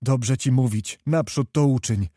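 A man reading the lines of a shy, wary young woman with hushed, hesitant replies. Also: mid-range voice, measured pace, dry recording, studio quality, lightly acted. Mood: reproachful.

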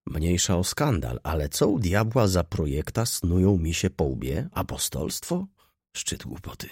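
A man's voice: deep voice, very animated, a little slow, darkish tone, slightly rough, dry recording, studio quality, full character voice. A man voicing a brooding, stern middle-aged merchant who speaks in a grave, terse, commanding way.

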